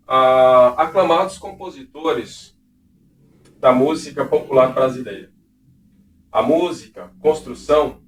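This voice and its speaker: A male teacher delivers a recorded lesson in a patient, explanatory way, pausing to check that students follow. His voice sits at an ordinary pitch and sounds distant from the microphone in a roomy space. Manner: didactic, checks in with "tudo bem?".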